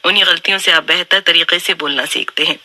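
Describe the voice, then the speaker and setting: Bright, crisp woman narrating a book summary. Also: fairly low pitch, fast, no room sound. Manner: steady instructive delivery.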